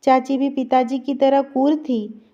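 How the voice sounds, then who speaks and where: A woman storyteller narrating an emotional story in a steady, sorrowful reading style. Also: high-pitched, unhurried. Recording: slightly dull lo-fi recording.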